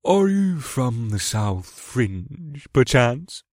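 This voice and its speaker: A man's voice: medium pitch, big pitch swings, very slow, a little mellow, no room sound, studio quality. A man doing a lofty little crab. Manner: lofty, crooning, easily scandalized.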